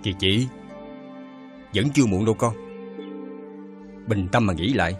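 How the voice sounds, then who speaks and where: An actor playing a calm, stern village uncle. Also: male voice, lowish voice, music in the background, natural voice. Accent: Southern Vietnamese. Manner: calm, measured counsel.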